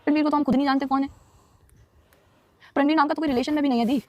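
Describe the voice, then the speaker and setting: A woman's voice: high-pitched, steady tone, no echo, highs cut off. A young woman on a casual live stream answering viewers' questions, emotional and defensive, talking straight to her audience. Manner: emotional, rapid, defensive, addresses viewers directly.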